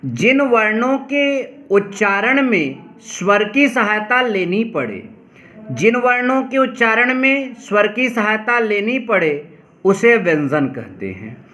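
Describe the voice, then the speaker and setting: A male teacher giving a lesson, repeating each definition slowly and calling on his students to pay attention. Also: sits high, sing-song, pushed and bright. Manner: addresses students directly, often says "pay attention". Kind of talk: classroom lesson explaining grammar.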